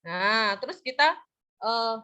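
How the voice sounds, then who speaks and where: A woman teaches a practice lesson slowly, her expressive, rather high voice bright, forceful and clean in tone. She encourages and praises the class, frequently leaving words unfinished so they can complete them. It's a muffled, lo-fi recording.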